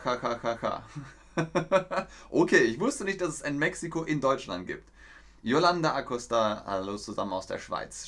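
A man's voice: fairly low pitch, fairly bright tone. A man teaching German on a live stream, reading a fairy tale aloud, explaining words and greeting viewers from the chat. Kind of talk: slow storytelling lesson with chat replies.

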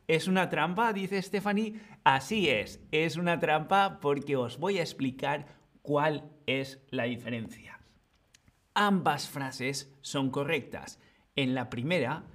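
A man teaching a live-streamed grammar lesson, patient and playful, talking to his chat. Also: on the high side. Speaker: Spanish teacher.

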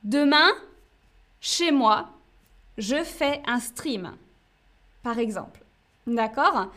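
A woman from France gives a live-streamed French lesson in a high, light voice. She talks very slowly and clearly, like a patient teacher. She keeps checking in with her viewers as she goes. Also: animated, fairly bright tone. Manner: slow, clear teacher talk with frequent "d'accord?" and "hein".

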